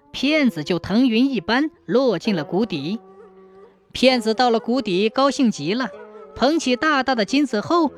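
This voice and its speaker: A woman tells a folk tale slowly and deliberately, her fairly high voice rising and falling with lively expression. Faint music plays beneath her scripted narration. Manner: slow, measured storytelling with lively pitch. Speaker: storyteller.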